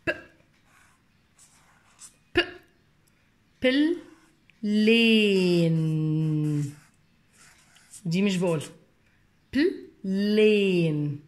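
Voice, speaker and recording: A young woman with an Egyptian accent teaching small children English, saying each word slowly and sounding out its letters one at a time. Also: medium pitch. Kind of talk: slow phonics lesson for young children.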